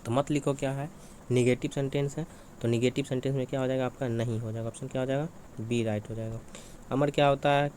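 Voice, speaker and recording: A male teacher working through exam questions, asking each one aloud and answering it himself, over and over. His voice sits at an ordinary middle pitch. A faint hum runs underneath the recording. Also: fairly even intonation, quick pace, a little mellow. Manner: repetitive, asks and answers his own questions.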